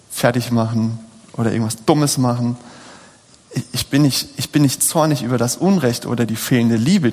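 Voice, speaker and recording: A man's voice: mid-range voice, a little mellow, slightly rough. A man in his thirties preaching a sermon in a conversational way, often putting rhetorical questions to the audience. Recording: long hall reverb.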